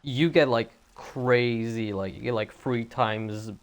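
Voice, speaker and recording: Male streamer, sick, gravelly, stutters through loose play-by-play chat. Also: medium pitch, slow pace. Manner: stuttering, rambling. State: feeling sick. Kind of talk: casual gameplay commentary.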